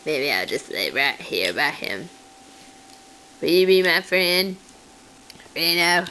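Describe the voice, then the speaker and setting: A woman voicing a timid, childlike male puppet who is wary of cats, speaking slowly and simply to the children in a puppet show. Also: sits low, sing-song, sharp tone, a little hiss or hum, full character voice, poor audio. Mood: chatty. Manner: talks straight to the children, slow and simple.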